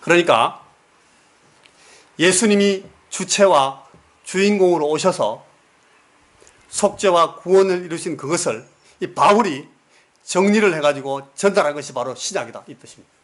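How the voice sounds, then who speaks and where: Male Korean pastor, sermon delivery, slightly high pitch, storytelling, asks the congregation questions, repeats key words. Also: animated, normal speed, long pauses, a bit bright.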